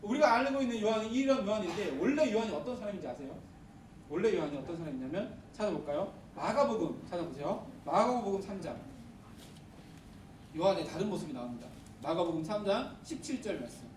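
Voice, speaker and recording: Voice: medium pitch, lively intonation, fast talker, a little mellow. A youth pastor preaching a retreat sermon, quizzing the congregation and acting out angry quotes. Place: retreat worship hall. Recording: echoey hall, distant mic, faint hiss.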